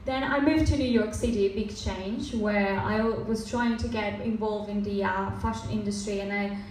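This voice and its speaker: Speaking at a normal speed in a steady, mid-range voice, a young design presenter from Mexico chats loosely through her talk, full of fillers and restarts. Spanish is her first language, and her Mexican accent carries some Australian influence; the event-room recording sounds distant and roomy, with faint noise.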